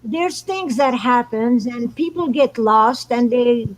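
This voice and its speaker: A woman's voice: on the high side, expressive, slow pace, low-quality recording. A woman from Morocco, hosting a casual astrology talk and explaining spiritual ideas earnestly. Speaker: show host.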